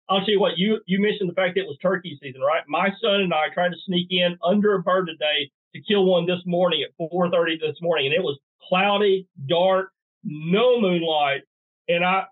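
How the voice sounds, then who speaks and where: A middle-aged man, a guest in a podcast interview, folksy with dry sarcastic humor. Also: on the high side. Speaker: guest bowhunter. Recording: tinny phone line.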